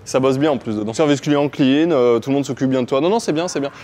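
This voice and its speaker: A young man from Avignon, a streamer, gives a casual walking tour, joking and slangy in a lively way. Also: mid-range voice, quick pace. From Avignon, France. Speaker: streamer giving a city tour. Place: city streets outdoors. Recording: outdoor street with faint noise.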